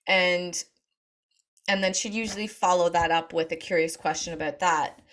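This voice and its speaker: A woman's voice: fairly low pitch, steady tone, moderate pace. A woman telling family stories to an audience, laughing often and acting out quoted voices. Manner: warm anecdotal, laughs often, acts out quotes. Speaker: speaker. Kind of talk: storytelling talk to an audience.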